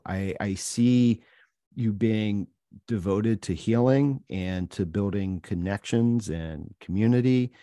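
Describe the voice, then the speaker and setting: A male podcast host interviewing a guest, speaking in an earnest, slow and deliberate way. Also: lowish voice, dark tone, no echo, studio quality.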